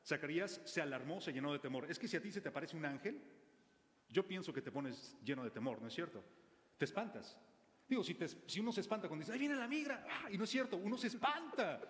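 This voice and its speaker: Male preacher, higher voice, animated and joking with the congregation, long church reverb. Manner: animated, jokes with the congregation, slows for scripture quotes. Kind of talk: sermon. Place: church hall.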